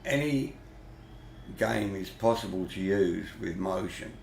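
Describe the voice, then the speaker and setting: A man's voice: low voice, slow pace, vocal fry, echoey room, a little hiss or hum. A man giving casual running commentary while gaming, chatty and grumbling, with mild swearing. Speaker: vlogger.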